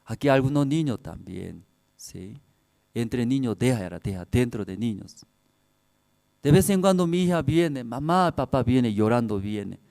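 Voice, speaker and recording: A man's voice: medium pitch, expressive, measured pace, gravelly, darkish tone. A man preaching a sermon, telling personal stories in simple, broken Spanish with frequent laughter. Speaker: pastor.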